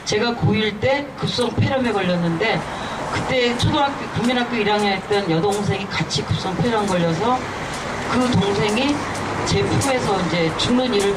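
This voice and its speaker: Woman in her fifties speaking earnestly outdoors. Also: medium pitch. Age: 50s. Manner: earnest, halting, personal storytelling. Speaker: children's author giving a speech. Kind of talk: public speech at an outdoor rally. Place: outdoor street rally. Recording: distant mic with loud street noise.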